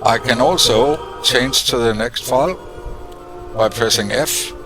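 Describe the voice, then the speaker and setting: With music in the background, a man with a mid-range voice takes it slowly, casually explaining his electronics project while thinking aloud. Fillers like "uh" and restarts come often, and his desk microphone is switched on and off.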